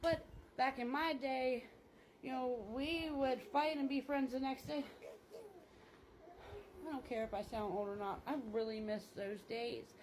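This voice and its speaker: A woman's voice: sits high, unhurried, pauses often, a little mellow, slight background noise, rough recording. A mother talking candidly in a rambling, casual monologue, full of "like" fillers, while changing clothes.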